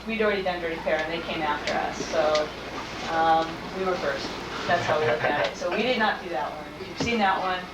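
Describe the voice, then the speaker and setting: A woman's voice: lowish voice, brisk. Casual woman panelist on hissy old VHS camcorder tape, distant in an echoey hall. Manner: chatty, informal, addresses the crowd directly. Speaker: fan video creator presenting at a convention panel. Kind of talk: casual panel talk to an audience. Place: convention screening room with audience. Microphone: camcorder mic from across the room.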